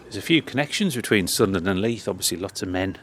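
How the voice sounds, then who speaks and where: Speaking quickly and with animation, a middle-aged man with a low-pitched voice explores an outdoor churchyard for his history vlog. He reads old inscriptions aloud with obvious enthusiasm. Birds and other noise fill the outdoor recording.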